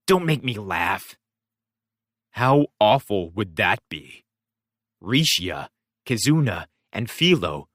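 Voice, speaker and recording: A man narrating a novel in the first person, wry and expressive. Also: mid-range voice, no echo, clean studio sound. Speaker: audiobook reader.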